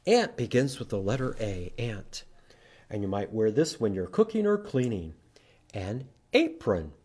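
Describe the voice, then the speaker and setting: This library storytime host has a fairly low, darkish voice, with slight background noise around him. He reads aloud and teaches letters to young listeners, using short, simple phrases with sing-song emphasis.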